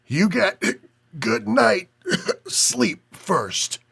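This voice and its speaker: An audiobook narrator voicing a sick old man from Chicago who talks through coughs with a raspy voice. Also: sits high, sing-song, drawn-out words, fairly bright tone, pitched above the performer's own voice, heavily acted. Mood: gruff teasing.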